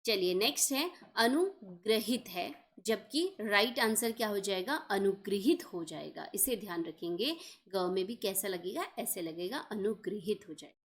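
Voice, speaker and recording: A woman's voice: medium pitch, lively intonation, unhurried. A woman teaching an exam-prep lesson, explaining each point step by step and checking in often.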